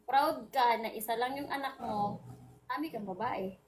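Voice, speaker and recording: A woman co-hosts a casual livestream, squabbling with her partner in mock irritation. Her voice is pitched very high. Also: moderate pace, a little hiss or hum. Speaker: livestream co-host.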